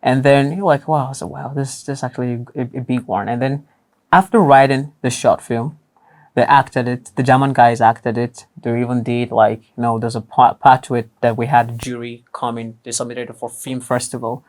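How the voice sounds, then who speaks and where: Young guy w/ a boyish not deep voice chatting in an interview. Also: fairly even intonation, normal speed. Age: young adult. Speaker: interview guest, voice actor and writer. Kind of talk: casual interview talk.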